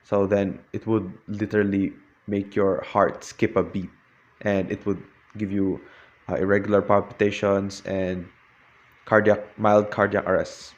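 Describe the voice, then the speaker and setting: A man's voice: fairly low pitch, little pitch movement, measured pace, lo-fi sound. Hesitant young man giving a talk. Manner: hesitant, frequent restarts and fillers. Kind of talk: prepared classroom talk.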